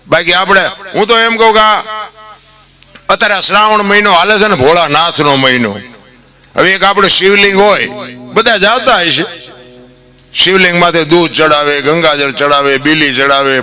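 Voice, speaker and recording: Kathiawadi Gujarati man, folk storyteller, high forceful voice, fervent preaching style, faint music bed. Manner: impassioned preaching, swells into loud high outbursts, often calls listeners "bapu". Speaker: folk storyteller and literary speaker. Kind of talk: devotional folk storytelling talk to an audience.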